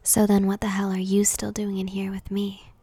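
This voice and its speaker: A woman voicing a sharp-tongued, popular teenage girl with cranky retorts in a whispered role-play. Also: medium pitch, monotone, moderate pace, breathy edge, dry recording.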